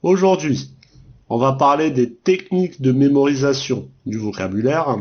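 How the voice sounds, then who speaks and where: A man teaching French vocabulary, speaking slowly and deliberately and spelling words out letter by letter. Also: medium pitch, highs cut off. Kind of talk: vocabulary lesson.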